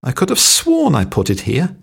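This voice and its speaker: A man's voice: mid-range voice, wildly swooping pitch, moderate pace, creaky, a bit bright, husky. A man reading short everyday phrases one by one for learners, acting out the intonation of each sentence. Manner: reads short stand-alone sentences, each with its own acted intonation. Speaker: phrase reader.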